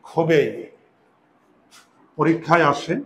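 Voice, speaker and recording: A man teaching a grammar lesson slowly and patiently, repeating words and asking his students questions. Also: a little high, completely flat delivery, fairly bright tone, poor audio.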